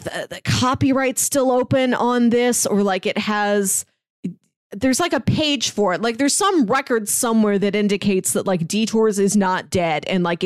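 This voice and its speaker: In studio-quality audio with no echo, a woman with a mid-range voice co-hosts a podcast about pop culture. She is chatty and talkative, saying "like" frequently.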